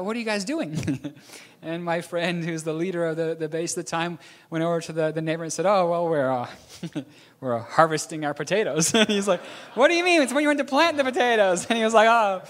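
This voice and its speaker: Speaking briskly, a New Zealand preacher shares stories in his sermon, occasionally rambling and laughing at his own slips as he corrects them. His voice sits high with a bit of brightness, echoing through a long hall reverb.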